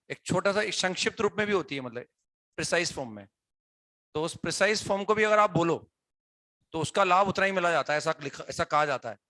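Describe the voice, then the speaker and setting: A man's voice: on the high side, fairly bright tone, no room sound. A male teacher talks to his students in a classroom, explaining things conversationally and often checking whether they follow. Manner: conversational, asks students questions, frequent "है ना" tags.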